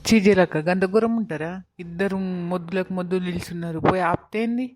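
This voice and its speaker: A man's voice: sits high, fast talker, natural voice. A man playing a cheeky young village lad in a comedy skit, with a Telangana Telugu accent and a teasing, cocky manner.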